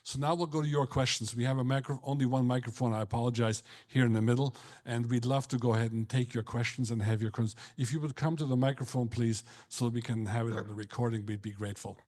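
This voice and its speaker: A man runs the question session of a panel discussion. He sounds polite and brisk as he directs people to the microphone, with a voice of average pitch. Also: steady tone, a little mellow, dry recording, studio quality. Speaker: panel moderator. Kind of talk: moderating a Q&A.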